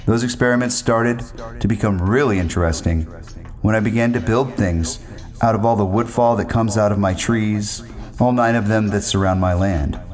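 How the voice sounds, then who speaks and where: A man with a fairly low, slightly mellow voice tells a first-person story at normal speed. His phrasing is ornate, wordy and meandering, with faint music playing underneath.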